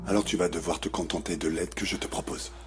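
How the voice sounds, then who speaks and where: An actor dubbing a detached father who is leaving his family, speaking flatly in a telenovela. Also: low-pitched, fast, music in the background, natural voice. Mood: cold.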